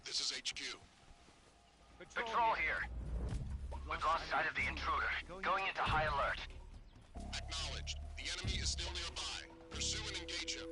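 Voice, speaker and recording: An actor playing enemy soldiers reporting to headquarters over a field radio, in clipped military radio talk. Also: male voice, fairly high pitch, normal speed, pauses often, loud music behind the voice. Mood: terse. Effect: field radio transmission. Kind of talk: game voice acting.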